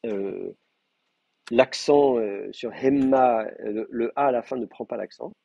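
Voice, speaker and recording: Gravelly-voiced man teaching a class. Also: medium pitch, measured pace, dark tone, no echo, muffled recording. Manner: explanatory, frequent hesitations and fillers. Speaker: Hebrew teacher. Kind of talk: live class lecture.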